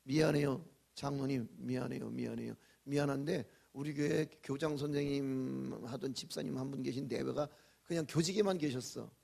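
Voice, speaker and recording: An older man preaching a revival sermon as pastor, folksy and joking, swinging from loud to whispered. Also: mid-range voice, steady tone, normal speed, gravelly.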